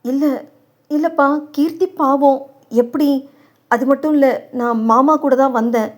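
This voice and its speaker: A woman voicing a patient young wife who speaks gently but firmly in an audio novel. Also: sits high, unhurried. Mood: anxious. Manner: patient, pleading softly.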